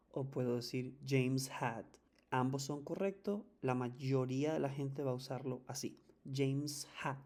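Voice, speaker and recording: A teacher giving an English grammar lesson in Spanish, patiently repeating each rule and slowly drawing out the example words. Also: medium pitch, dark tone.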